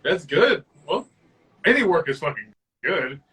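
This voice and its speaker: A male co-host with a somewhat high voice, full of enthusiasm, swearing and laughing often. He sounds a little distant from the microphone. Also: very animated, measured pace, fairly bright tone. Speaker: podcast co-host. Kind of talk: casual podcast chat.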